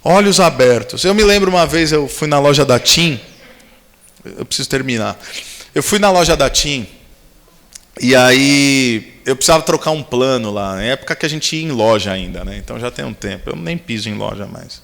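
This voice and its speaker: A man's voice: medium pitch, expressive, moderate pace, vocal fry, fairly bright tone. A man, a pastor preaching at a youth camp, telling personal stories with humor and acting out the dialogue. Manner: storytelling, acts out dialogue, humorous asides. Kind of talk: sermon with personal anecdotes. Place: large camp meeting hall. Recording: long hall reverb.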